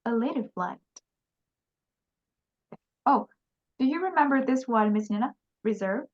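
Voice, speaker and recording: A woman's voice: on the high side, lively intonation, takes it slowly, dull audio. A woman teaching an English lesson, patiently explaining and repeating example phrases.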